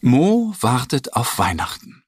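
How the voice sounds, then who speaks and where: Slow, lively storybook narrator man. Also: mid-range voice, breathy edge, no echo, clean studio sound. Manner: slow, animated, expressive storytelling. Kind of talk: children's storybook reading.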